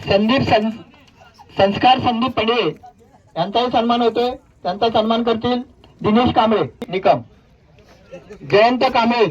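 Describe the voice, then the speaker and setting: At a village cricket prize ceremony in Konkan, India, a male announcer with a very high, steady voice formally reads out names one at a time. The audio sounds dull, and his listing is measured.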